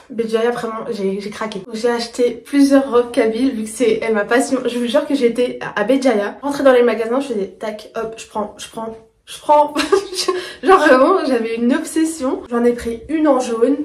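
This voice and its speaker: A young woman chatting enthusiastically to her viewers in a casual vlog, talking them through things she picked up. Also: a little high. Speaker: vlogger. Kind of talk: casual haul chat to camera. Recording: echoey room.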